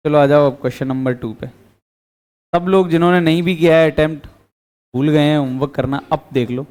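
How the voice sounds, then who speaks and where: Fairly high-pitched and a little mellow, this man's voice holds a steady tone at normal speed as he teaches physics to a class. He asks the students questions and answers them himself throughout the lecture.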